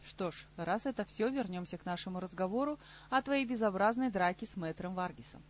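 A woman voicing a sardonic middle-aged king in an audiobook, dry and unhurried, on slightly muffled audio. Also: mid-range voice, expressive, lightly acted. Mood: dry mocking. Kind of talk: audiobook character reading.

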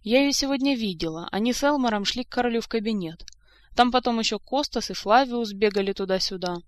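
A woman reading the lines of a chatty noble duchess who reports news in a lively way. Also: on the high side, fast, dry recording, pitched above the performer's own voice, lightly acted.

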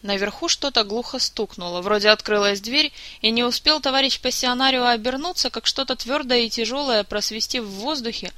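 Bright, dry audiobook narrator. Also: mid-range voice, brisk, hardly any pauses, dry recording.

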